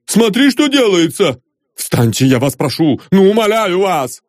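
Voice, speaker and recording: A man reading aloud and voicing a greedy, excitable middle-aged engineer in a high, whiny, singsong voice. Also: unhurried, no echo, clean studio sound. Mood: alarmed. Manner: wheedling, singsong pleading.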